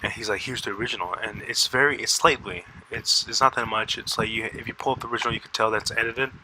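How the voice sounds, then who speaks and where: A man's voice: on the low side, fairly even intonation. Guy rambling into a desk mic, lots of ums and restarts, faint hiss behind. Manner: halting, many fillers and restarts. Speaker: YouTuber. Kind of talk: casual rambling commentary. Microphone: close desk mic.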